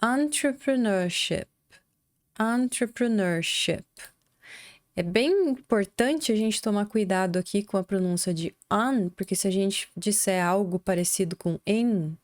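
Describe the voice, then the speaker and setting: A young adult woman with a Brazilian Portuguese accent, teaching an online English lesson in Portuguese and slowly sounding out English words syllable by syllable. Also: medium pitch, darkish tone.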